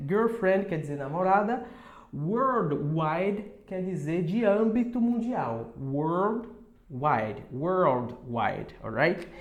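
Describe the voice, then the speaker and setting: Speaking in a high pitch, a Brazilian man teaches English pronunciation in a relaxed way. He models words by repeating them slowly and tosses in quick tag questions to check on his listeners, and the room around him echoes.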